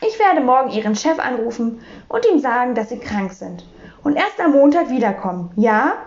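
A woman voicing an indignant, fussy middle-aged landlady who scolds and bosses in a shrill voice. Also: sing-song, normal speed, darkish tone, muffled recording. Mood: coaxing.

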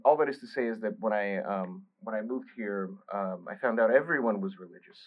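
A young man with a Bulgarian accent talks in a wry, hesitant way, with frequent fillers. His voice is fairly low. It comes through a tinny, phone-like line. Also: a little fast. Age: young adult. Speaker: philosophy student, panel guest. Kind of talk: casual panel discussion.

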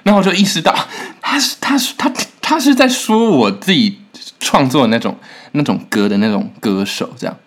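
A man's voice: fairly high pitch, a little fast. A young man co-hosting a podcast, chatting casually and telling stories with lots of laughter. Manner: animated storytelling, laughs often. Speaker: podcast co-host, singer-songwriter. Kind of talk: casual chat.

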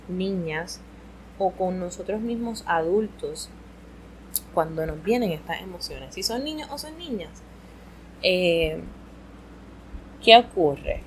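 A woman talks through an educational podcast episode. She explains things in a conversational, expressive way. Her pitch sits in a middle range, with a faint hiss underneath. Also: slow pace, pauses often, poor audio. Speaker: podcast host.

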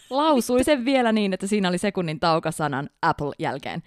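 A woman co-hosting a casual podcast as a flight attendant, telling stories in an animated way and laughing often. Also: medium pitch, no echo, studio quality. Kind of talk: casual podcast chat, reading listener stories.

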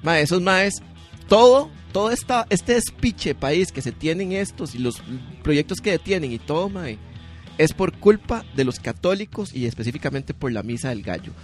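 A man's voice: a little high, normal speed, faint music behind. Slangy Costa Rican man riffing. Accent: Costa Rican Spanish. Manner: deadpan absurd riffing, heavy use of slang filler 'mae'. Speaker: podcast co-host. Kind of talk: casual comedic chat.

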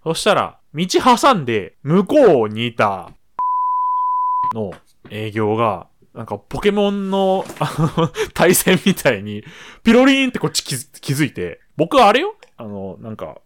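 Man co-host, casual chat, expressive pitch swings, acts out the people in his stories. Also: moderate pace, a little hiss or hum. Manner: animated storyteller, acts out quoted lines, laughs often. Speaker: podcast co-host and editor.

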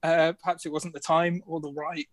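A man's voice: on the high side, little pitch movement, normal speed, a crowd in the background. A man, a guest in a casual interview, telling stories in a self-deprecating way and laughing easily.

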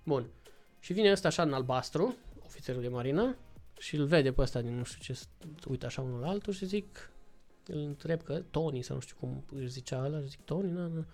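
A man's voice: mid-range voice, expressive, a little mellow, soft background music. Male podcast guest, chatty storyteller who acts out every quote. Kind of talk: casual storytelling.

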